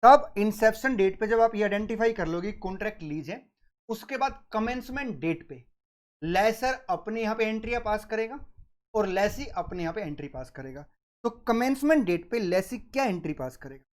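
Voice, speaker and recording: A man's voice: high-pitched, animated, moderate pace. A man giving a classroom lecture on accounting, asking his students questions and answering them himself, and fondly addressing them as "beta" and "sahab". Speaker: accounting exam tutor.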